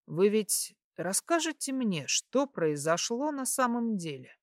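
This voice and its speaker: A woman voicing a confident young prince who speaks slowly in a lowered, intimate voice. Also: sing-song, no echo, studio quality. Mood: earnest. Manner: slow, lowered, intimate delivery.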